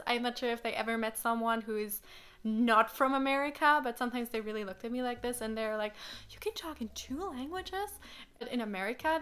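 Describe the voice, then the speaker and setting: Her voice is a little high, sharp and clean: a young adult woman whose native language is German, casually chatting and answering questions. She uses many fillers and acted-out quotes from her small living room with a sofa.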